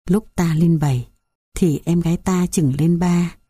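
A woman voicing an elderly male Buddhist monk recalling his childhood, speaking slowly and gently. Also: lowish voice, fairly even intonation, breathy edge, no echo, studio quality. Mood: reminiscent. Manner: slow, gentle storytelling.

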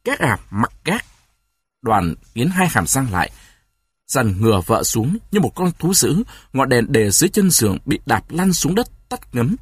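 Expressive male story narrator, husky voice. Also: medium pitch, normal speed, dry recording, clean studio sound. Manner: expressive, dramatic reading.

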